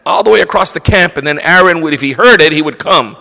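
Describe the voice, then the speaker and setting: A male pastor preaching a sermon, animated and acting out excuses in quoted voices, in a church. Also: a little high, fast talker, vocal fry, big-room sound.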